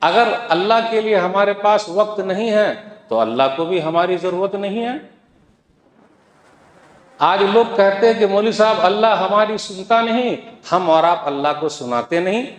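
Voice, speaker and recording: High-voiced preacher in echoey hall. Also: male voice, expressive, measured pace. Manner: exhorting, rhetorical questions, quoting scripture. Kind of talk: Friday sermon. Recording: echoey hall with long reverb.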